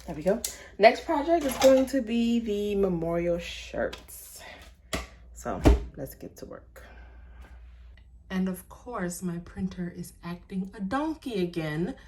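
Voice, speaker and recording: A woman's voice: mid-range voice, animated, a little slow, warm tone, a little hiss or hum. A woman making a casual crafting vlog at home, talking to herself and her viewers as she works. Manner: chatty, talks to herself and viewers while working. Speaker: crafter making custom shirts.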